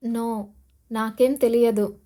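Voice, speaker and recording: A woman's voice: fairly high pitch, fairly even intonation, slow pace, dark tone. A woman narrator voicing a desperate male police officer who is pleading and defiant, in an audio novel.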